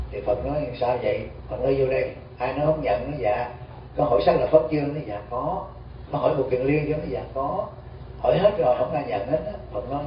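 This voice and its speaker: Monk preaching in an echoey hall. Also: male voice, fairly high pitch, slight background noise. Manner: storytelling, asks the audience questions. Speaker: Buddhist monk giving a dharma talk. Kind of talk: sermon. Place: community center hall. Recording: distant, dull, echoey hall recording.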